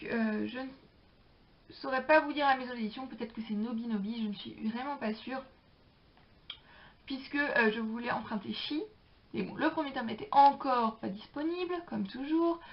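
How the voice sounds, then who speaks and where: Chatty young woman, dull recording. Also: a little high. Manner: chatty, hesitant with frequent fillers. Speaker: book vlogger. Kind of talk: casual book haul chat. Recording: dull lo-fi sound.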